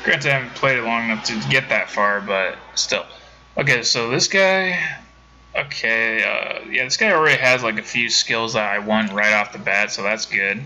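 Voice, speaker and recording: A man's voice: medium pitch, moderate pace, sharp tone, slight background noise, rough recording. A man streaming a game from home, chatting casually with viewers and rambling with many self-corrections. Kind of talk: casual let's-play commentary.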